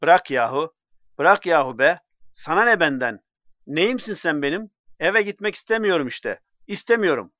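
A man voicing a drunken, boastful middle-aged man who shouts and taunts, in a storybook reading. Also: fairly high pitch, lively intonation, normal speed, dry recording, lo-fi sound, pitched above the performer's own voice, lightly acted. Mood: belligerent. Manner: slurring swagger, shouting and taunting.

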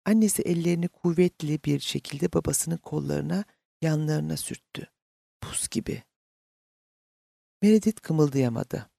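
A man narrating a novel as an audiobook, reading in a measured, steady way. His voice sits a little high with a gravelly edge. The recording is dry and close. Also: no room sound.

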